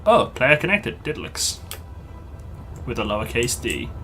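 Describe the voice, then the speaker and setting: A man's voice: medium pitch, wildly swooping pitch, unhurried, bright, forceful tone, soft background music. A man live-streaming a game, chatting casually and informally with his viewers in a matey way. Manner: matey, informal address to the group. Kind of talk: casual live gaming commentary, chat with viewers.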